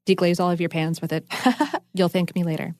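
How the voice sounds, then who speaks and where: A woman's voice: on the low side, little pitch movement, fairly quick, a little mellow, no room sound. A woman co-hosting a podcast, explaining food history and science in a chatty, enthusiastic way with lots of asides. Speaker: podcast co-host.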